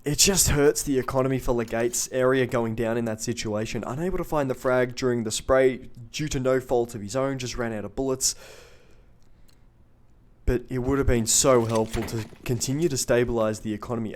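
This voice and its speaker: Guy doing esports play-by-play, mid pitch voice, faint gunfire and clicks behind. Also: a little fast, a little hiss or hum. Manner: jokey, banters with a co-caster off mic. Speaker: esports caster.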